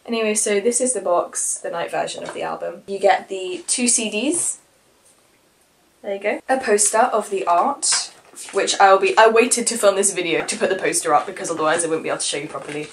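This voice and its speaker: Chatty excitable teen girl. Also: medium pitch, brisk, slight background noise. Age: teenager. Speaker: vlogger. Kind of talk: casual haul vlog.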